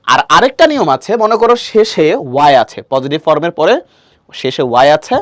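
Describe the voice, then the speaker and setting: A man leads a recorded prep lecture in a voice that sits slightly high for a man. He walks through each point patiently, poses questions and answers them, and repeats his stock filler phrases. The sound is dry and close, with no room echo. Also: lively intonation, normal speed, fairly bright tone. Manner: explanatory, asks and answers his own questions; leans on stock fillers and repetition. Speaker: teacher. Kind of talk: online admission-prep lecture.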